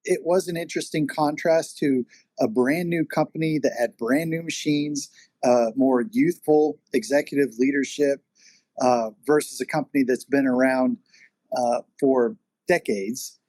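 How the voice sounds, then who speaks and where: A man's voice: medium pitch, fairly even intonation, a little slow, a little mellow, dry recording. A man hosting a casual interview conversation, rambling along with many fillers. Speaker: podcast host and magazine editor.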